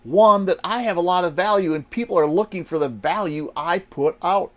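Higher-voiced older man inside a small trailer. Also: moderate pace, fairly bright tone. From Wisconsin, United States. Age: 60s. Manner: folksy, asks and answers rhetorical questions. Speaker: online business coach. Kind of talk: casual motivational vlog talk to camera.

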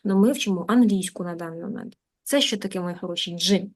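Woman, English teacher, Ukrainian accent, lively, coaxing, drills pronunciation. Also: on the low side, quick pace. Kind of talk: live online lesson.

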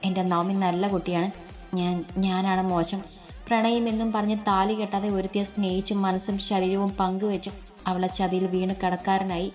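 A woman reading the part of a gentle, guilt-ridden young husband in an audio story, speaking in a soothing way. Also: medium pitch, flat delivery, normal speed, faint music behind, close to an everyday voice. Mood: remorseful.

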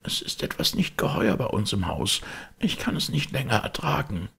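A man reading aloud, voicing a frightened old male servant who speaks in a trembling, hoarse voice. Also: lowish voice, very animated, moderate pace, fairly bright tone, voice pushed up, heavily acted. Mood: fearful, trembling.

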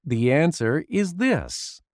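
A woman narrating a phonics lesson for young children in simple, deliberate sentences, as if reading to a toddler. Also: deep voice, very animated, darkish tone, dry recording, clean studio sound.

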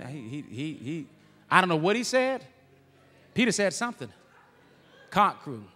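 High-voiced preacher in an echoing hall. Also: male voice. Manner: building from quiet to shouted climaxes, conversational asides. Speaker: pastor. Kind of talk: sermon. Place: church sanctuary.

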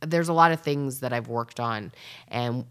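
Very low-voiced Canadian woman, rambling. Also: moderate pace. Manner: chatty, rambling, drops to a breathy whisper at times. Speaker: podcast guest, comedian. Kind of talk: casual chat.

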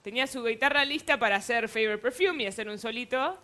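A woman's voice: fairly high pitch, fast, pushed and bright. Chatty young Argentine woman on a TV set. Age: young adult. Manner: chatty, laughs easily, hesitant fillers. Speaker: singer-songwriter guest. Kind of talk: casual interview chat. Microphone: headset mic.

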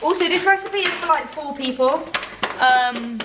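Her cooking vlog is casual, playful chat peppered with bantering slang, recorded indoors at home by a camera on the counter. This British woman in her twenties has a high, expressive voice at a moderate pace, amid kitchen echo, clattering dishes and background noise.

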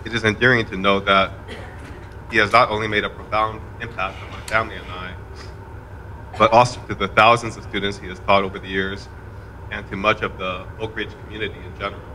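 Guy reading a eulogy for his dad, kinda flat delivery, low-ish voice with a bright edge. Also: a little hiss or hum, rough recording. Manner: fairly monotone, measured delivery. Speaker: son giving a eulogy. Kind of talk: memorial eulogy speech. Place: event room at a college campus.

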